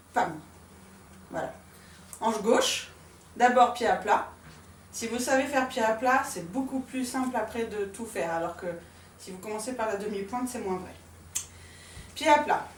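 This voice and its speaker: A woman with a fairly high voice teaches a dance class, explaining each move calmly while she demonstrates it. She is picked up from a distance in a roomy, echoing studio. A faint hum of room ambience sits behind her. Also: normal speed, long pauses. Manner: calm, demonstrating moves while counting out accents with "pam" and "tac". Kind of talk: step-by-step dance lesson. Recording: echoey room from far off.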